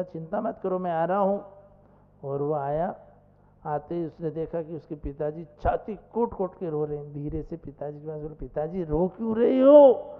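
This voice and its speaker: High-voiced slow preaching monk. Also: male voice. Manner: animated storyteller with rising exclamations. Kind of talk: sermon with storytelling. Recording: echoey hall, dull lo-fi sound.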